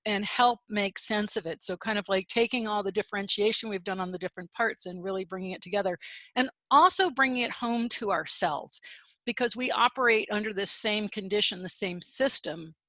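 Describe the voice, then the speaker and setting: A woman hosts a webinar and introduces her guest in a chatty, enthusiastic, slightly rambling way. Her voice is bright and forward. The sound is very dry, as on a video call. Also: mid-range voice, brisk, no echo. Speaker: webinar host.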